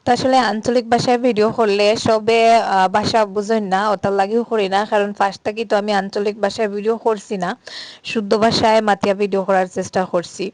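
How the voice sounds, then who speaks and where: A woman's voice: medium pitch, little pitch movement, darkish tone, no echo. Middle-aged woman vlogger, Sylheti accent, chatty and easygoing, dry close sound. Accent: Sylheti Bengali. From Sylhet, Bangladesh. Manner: chatty, unhurried, frequent "ah" fillers. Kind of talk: casual vlog narration.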